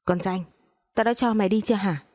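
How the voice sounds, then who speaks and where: A woman's voice: medium pitch, steady tone, a little fast, darkish tone, voice pushed up, lightly acted. A woman voicing a cruel, domineering older mother-in-law in a spoken story, scolding harshly.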